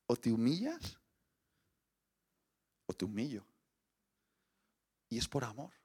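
A man, preaching a sermon as an animated storyteller who acts out scenes and voices. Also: mid-range voice.

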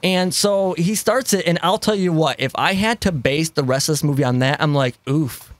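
A man hosting a casual movie podcast, talking animatedly with frequent swearing and quick laughs. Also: fairly high pitch, dry recording. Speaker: podcast host. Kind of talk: casual chat.

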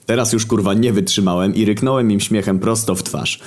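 A man telling a comic story in a casual, deadpan way, full of slang and swearing. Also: fairly low pitch, fairly quick.

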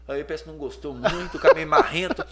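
A Brazilian man, a clothing store owner, telling lively stories in a casual podcast interview and acting out the voices of people in them. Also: on the high side, fast, a crowd in the background. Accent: Brazilian Portuguese. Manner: lively storyteller, acts out voices and sounds.

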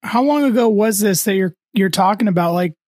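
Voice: medium pitch, lively intonation, a little fast, a little mellow, no room sound, studio quality. An interviewer chatting casually and asking questions. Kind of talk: casual chat.

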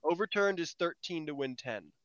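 Male podcast host, upbeat and rambling, bright sharp tone, dry close sound. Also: fairly high pitch, normal speed, dry recording, dull audio. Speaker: host running the bets. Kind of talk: casual podcast chat.

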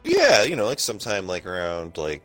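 A man with a low voice that swoops around a lot, talking with excited, swearing enthusiasm. Casual chat among friends. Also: moderate pace, faint music behind. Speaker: podcast co-host. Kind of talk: casual drinking banter.

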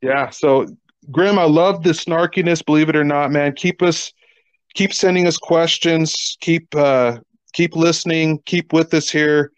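A man's voice: on the high side, fairly even intonation, measured pace, clean tone, no echo. A man co-hosting a casual sports podcast, making sarcastic points with rhetorical questions. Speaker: podcast co-host.

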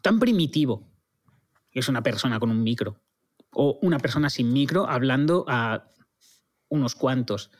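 Guy from musing on a podcast, kinda hesitant, average pitch. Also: lively intonation, moderate pace, pauses often. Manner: hesitant, many fillers and restarts, reflective. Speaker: comedy teacher and podcast co-host. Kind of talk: casual podcast chat.

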